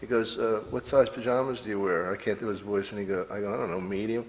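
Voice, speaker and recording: A man's voice: lowish voice, steady tone, quick pace. An older man, a comedian guest, telling rambling stories in a playful, mock-earnest way. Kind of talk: casual storytelling chat. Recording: long echo and faint noise.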